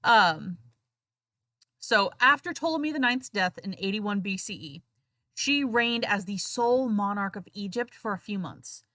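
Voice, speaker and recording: A woman's voice: medium pitch, expressive, a little slow, sharp tone, no echo, studio quality. A woman co-hosting a history podcast, narrating with sarcastic, indignant asides. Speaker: podcast co-host. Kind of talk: casual history podcast chat.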